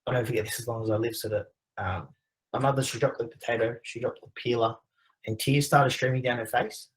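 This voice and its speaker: A young Australian man telling a personal story in a webinar, conversational and quick, with hesitations and lots of quoted dialogue. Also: mid-range voice, fairly even intonation, poor audio. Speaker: presenter.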